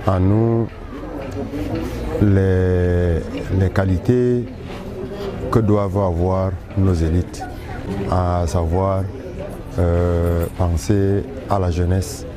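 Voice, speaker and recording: Slow deep-voiced man speaking at a ceremony. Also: steady tone, a crowd in the background. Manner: slow, deliberate, with pauses. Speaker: school council member. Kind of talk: formal speech at a ceremony.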